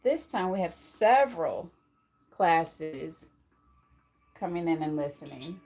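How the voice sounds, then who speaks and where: A woman's voice: sits low, lively intonation, slow pace. Woman hosting a chatty livestream. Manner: warm, chatty, greets viewers by name. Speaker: livestream host and sound bath guide. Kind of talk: casual livestream chat greeting viewers.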